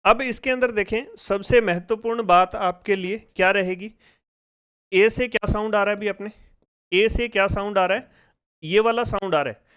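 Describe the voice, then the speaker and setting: A man's voice: high-pitched, normal speed, a bit bright, clean tone. A man teaching a spoken phonics lesson in speech, asking the class questions and drilling each sound step by step. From India.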